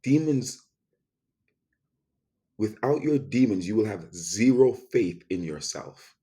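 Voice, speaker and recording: A man delivering an intense, emphatic spoken monologue, repeating phrases and swinging between loud outbursts and soft asides. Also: on the low side, expressive, unhurried.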